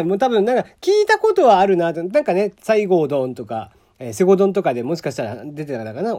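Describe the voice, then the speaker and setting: A man from Kagoshima hosts a relaxed solo podcast and keeps it chatty and loose. His pitch rises and falls freely while he talks. He laughs often and leans on fillers. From Kagoshima, Japan. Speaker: podcast host. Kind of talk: casual solo podcast talk.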